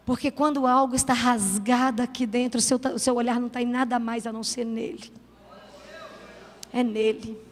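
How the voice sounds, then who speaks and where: A woman pastor preaching a sermon with passion, swinging from shouted calls to soft, confiding words. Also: fairly high pitch. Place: large church hall. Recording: reverberant church hall.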